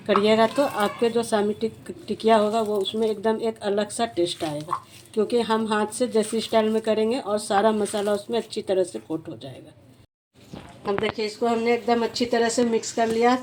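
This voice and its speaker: Woman, cooking host, homely and repetitive, fairly high voice, faint noise. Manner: homely, repetitive, restarts often. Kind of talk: home cooking demonstration.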